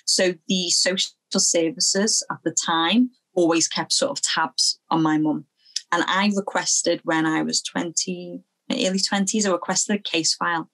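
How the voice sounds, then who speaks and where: A young woman from Liverpool, speaking as an interview guest, earnest and halting, often repeating phrases as she recalls her past. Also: fairly low pitch, steady tone, fairly bright tone, low-quality recording. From Liverpool, England. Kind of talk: personal testimony in an interview.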